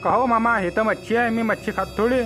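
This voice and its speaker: A man's voice: sits high, fairly even intonation, a little fast, fairly bright tone, soft background music. A man voicing a stubborn, cheeky young village son-in-law in a cartoon comedy, with a rural Vidarbha Marathi accent.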